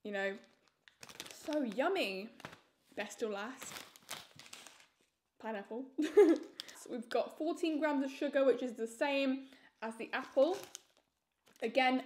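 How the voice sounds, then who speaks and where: A young woman giving a casual, enthusiastic snack review to camera as she tastes crisps, repeating words for emphasis. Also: high voice, slow pace, long pauses, warm tone. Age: young adult. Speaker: food reviewer.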